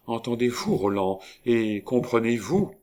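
A man's voice: mid-range voice, animated, unhurried, darkish tone, natural voice. A man voicing a proud, defiant young noblewoman, speaking in a haughty, impassioned way in a storybook reading.

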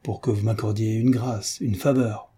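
A man's voice: on the low side, moderate pace, breathy edge. A man doing a cheerful, bold young soldier. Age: young adult. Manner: lively, teasing, resolute.

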